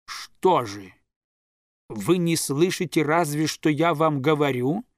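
Guy putting on a bossy old countess granny, slow and raised up high, scolding hard, dry sound. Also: expressive, no echo. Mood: commanding. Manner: slow, commanding, reproachful. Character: stern old countess grandmother, imperious.

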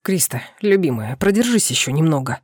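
A woman voicing a gentle alien husband who speaks in a low, quiet, reassuring way in an audiobook. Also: sing-song, brisk, husky, no echo, clean studio sound, heavily acted. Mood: urgent. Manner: soft, reassuring, lowered voice. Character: calm eared alien husband, gentle and soothing. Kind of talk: audiobook character voice.

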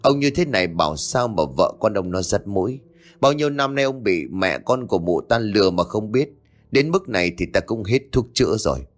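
A man voicing an old male village shaman who scolds harshly and mocks. His voice is low and swings widely in pitch. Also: expressive, normal speed, soft background music, lightly acted. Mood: scornful. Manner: harsh, scolding, laughs mockingly.

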